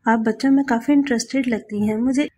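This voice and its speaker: A woman's voice: on the high side, steady tone, fast talker, warm tone, breathy edge. A woman voicing a polite, chatty young mother talking with a stranger.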